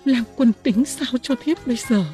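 A woman's voice: normal speed, mellow, faint music behind, close to an everyday voice. A woman voicing a frightened young princess who pleads through sobs. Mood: pleading, tearful. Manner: high, pleading and sobbing.

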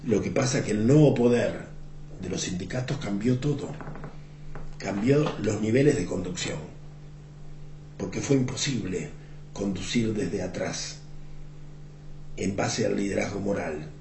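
Unhurried and reflective, this interviewee, a man in his seventies with Argentine Rioplatense Spanish, tells stories of political history, pausing often with "este." His voice is lowish and warm, in a roomy setting with faint background noise.

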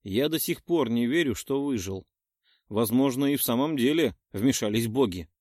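A wry young man snorts out sarcastic replies, as a male narrator plays him in an audiobook. The pitch moves in a lively way. The sound is close and dry. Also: moderate pace, no echo, natural voice. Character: wry young man who barely survived.

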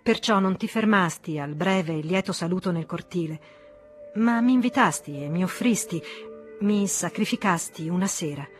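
A woman's voice: fairly low pitch, normal speed, faint music behind, lightly acted. A woman reading the part of an agitated, worldly middle-aged man who reproaches an old friend, in an audiobook. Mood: reproachful. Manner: reproachful, emotionally charged.

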